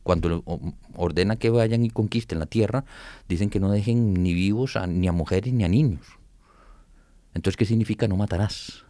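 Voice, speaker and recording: A man, explaining and reading Bible verses in an animated, conversational way. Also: lowish voice, normal speed, no echo. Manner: animated explainer, reads scripture aloud, laughs often. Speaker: Bible teacher guest.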